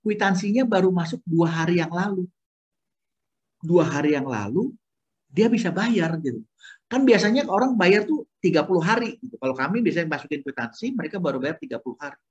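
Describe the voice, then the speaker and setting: A husky, breathy man gives a personal faith testimony to his prayer group. His voice rises and falls in a lively way as he acts out the dialogue, and it comes through muffled, dull video call audio. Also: high voice. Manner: animated storytelling, acts out dialogue. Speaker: Bible study participant sharing testimony.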